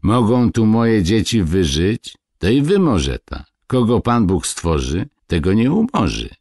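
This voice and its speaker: A man voicing a poor, stubborn peasant who talks in a curt rustic dialect, louder and higher than his narration. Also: big pitch swings, measured pace, no room sound, clean studio sound, full character voice. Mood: plain-spoken.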